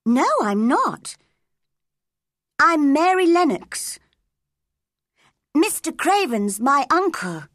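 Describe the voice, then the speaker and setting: A woman voicing a shy, high-pitched young girl. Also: big pitch swings, takes it slowly, pauses often, fairly bright tone, no echo, studio quality, heavily acted. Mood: excited. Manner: shy, stammering, growing brave. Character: timid hopeful young girl.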